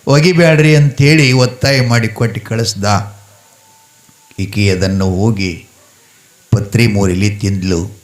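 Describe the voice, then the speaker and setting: Slow dramatic preacher man. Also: fairly low pitch, steady tone. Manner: dramatic storyteller, acts out voices. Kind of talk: storytelling sermon.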